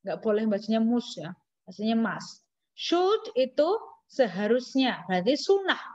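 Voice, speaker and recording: On a dull lo-fi recording, an Indonesian-accented woman leads an English classroom lesson, chatting and teasing as she asks questions and answers them herself. Her voice is fairly high, very animated, a little mellow, and moderately paced.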